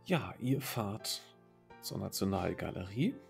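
Gravelly-voiced man running a tabletop game. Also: deep voice, sing-song, slow pace, faint music behind. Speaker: game master. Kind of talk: narrating a tabletop role-playing game. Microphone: video call.

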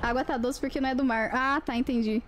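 A woman's voice: high voice, steady tone, quick pace, a little hiss or hum. A woman, chatting playfully with viewers on a live stream through a webcam, teasing and giggling.

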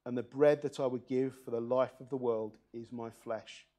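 A man's voice: medium pitch, steady tone, normal speed, warm tone. A man preaching a church sermon, reading scripture aloud and putting earnest questions to the congregation.

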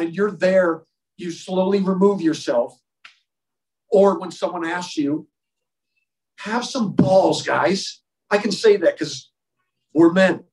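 A man leads an informal Bible lesson for a group of men, speaking in a somewhat high voice. He talks emphatically, circling back and repeating words to drive points home. The sound is roomy, picked up from away from the microphone. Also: distant mic. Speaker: men's Bible study leader.

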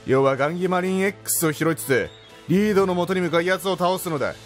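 A man voicing a mysterious male cat that hands out a quest, speaking slowly and solemnly in old-fashioned phrasing. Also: high voice, faint music behind, pitched below the performer's own voice, natural voice.

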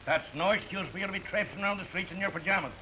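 An actor playing a skeptical, curt police sergeant in dry 1940s screwball comedy banter, on an old film soundtrack. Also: male voice, high voice, rapid-fire, sharp tone, slight background noise, rough recording.

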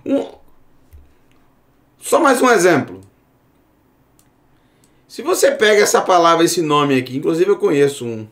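Slow, animated male Hebrew teacher. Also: on the high side. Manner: explains slowly, repeats words, asks "né?" and "tá bom?". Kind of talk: recorded Bible Hebrew lesson.

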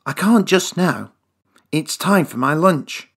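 A woman voicing a small, boastful male mouse who stubbornly insists he is a tiger, in a low, husky storybook voice. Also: lively intonation, slow pace, full character voice. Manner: stubborn, proud declarations.

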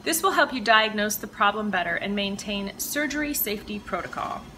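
A woman's voice: mid-range voice, a little fast, slight background noise. A woman reading a droning surgery-lecture voice. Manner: flat instructional delivery. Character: monotone clinical voice of a surgery lecture video.

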